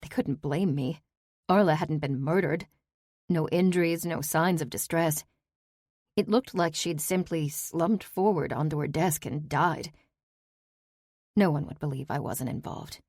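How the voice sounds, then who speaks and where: Female audiobook narrator, low-pitched, tense and clipped, dry close read. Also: a little slow, a little mellow, no room sound. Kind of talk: first-person audiobook narration.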